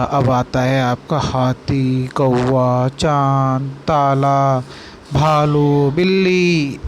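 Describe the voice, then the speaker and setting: Slow call-and-response male Sanskrit teacher. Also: on the high side, slight background noise. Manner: repeats each word slowly with call-and-response questions. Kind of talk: teaching lesson to children over picture slides. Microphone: screen-recorded voice-over.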